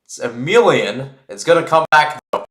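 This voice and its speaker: A man calls live American football play-by-play, chatting conversationally and thinking out loud between plays. His voice is a little high, pushed, and bright, with big pitch swings at a normal speed. The recording sounds roomy and echoey.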